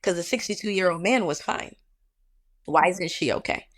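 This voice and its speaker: A woman from Barbados talks as a nurse guest on a podcast, her voice a bit low. She tells the story with energy and acts out the lines of the people in it. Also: normal speed. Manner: animated storyteller acting out quoted dialogue.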